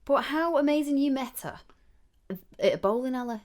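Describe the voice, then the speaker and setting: A woman with a fairly high voice chats casually as a podcast co-host. She keeps the talk light and agreeable, backing up her partner. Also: normal speed, a little mellow.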